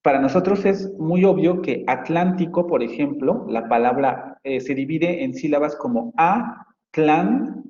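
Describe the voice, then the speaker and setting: A man's voice: on the high side, lively intonation, measured pace, few pauses, darkish tone. A male phonetics professor, giving a casual lecture and thinking aloud with frequent fillers and restarts. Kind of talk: university lecture, explaining with examples. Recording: dull, roomy, reverberant lo-fi audio.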